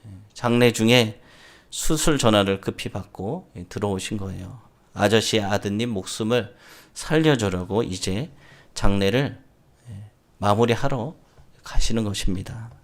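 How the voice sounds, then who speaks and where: A tearful nurse speaks quietly and gravely, as a man reads her part in a sermon. The voice stays low and subdued. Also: a little slow. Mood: sorrowful. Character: tearful female nurse, earnest and sorrowful.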